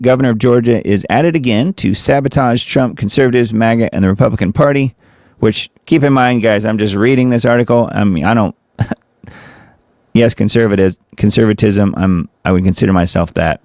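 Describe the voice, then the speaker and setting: A man with a fairly low voice hosts a live commentary show, reading articles aloud in a casual way. He keeps breaking off into sarcastic, rambling asides. The sound is dry and close, with no room echo. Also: darkish tone. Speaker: host.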